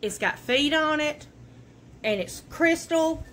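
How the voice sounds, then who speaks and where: A woman's voice: sits high, lively intonation, slow pace, fairly bright tone, a little hiss or hum. Chatty woman showing thrift finds. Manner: chatty, folksy, homespun. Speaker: vlogger showing a thrift haul. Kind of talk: casual show and tell. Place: living room at home.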